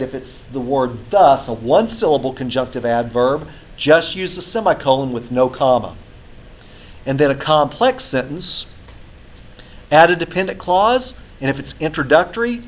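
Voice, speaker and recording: A male instructor giving a classroom lecture in a conversational way, with frequent filler sounds, recorded in a classroom. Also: a little high.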